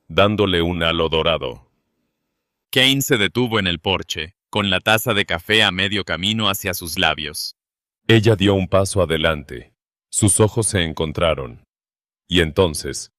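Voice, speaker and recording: A man giving a scripted, steady and dramatic narration of a western story. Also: sits low, no echo, clean studio sound.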